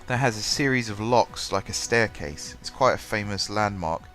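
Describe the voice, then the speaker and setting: At a moderate pace, a congested gaming channel host talks over his gameplay, his fairly low voice clogged by a cold. He rambles with frequent ums and self-corrections while quiet music sits softly in the background.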